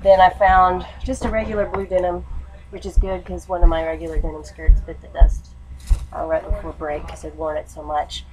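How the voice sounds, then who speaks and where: A woman's voice: fairly low pitch, little pitch movement, normal speed. A woman in her twenties with a congested, stuffy nose from allergies, chatting casually and informally in a haul vlog. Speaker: vlogger, education student. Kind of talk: casual haul video chat. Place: small lamp-lit room at home. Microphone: webcam or laptop mic at desk distance. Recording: webcam recording with background room noise. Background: noise, TV in the background.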